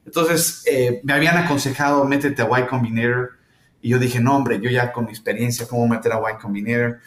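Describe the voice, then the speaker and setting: A middle-aged man from Mexico with a Mexican accent, answering interview questions thoughtfully with many pauses and fillers. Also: mid-range voice, fairly even intonation, a bit bright. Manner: thoughtful, hesitant with frequent fillers. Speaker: startup founder, guest. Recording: roomy echo.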